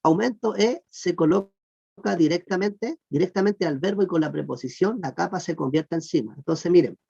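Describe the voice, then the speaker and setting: A teacher giving an online class on Greek verb grammar, patiently repeating "look" and asking the class whether it is clear. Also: medium pitch, moderate pace, darkish tone. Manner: patient, repeats "miren" and "fíjense" often; asks the class check questions. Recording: muffled lo-fi recording.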